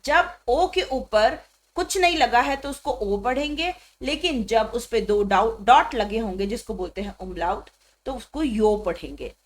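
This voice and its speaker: A woman teaching a beginner language lesson, spelling out letters one by one in a slow, patient way. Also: a little high, animated, slight background noise.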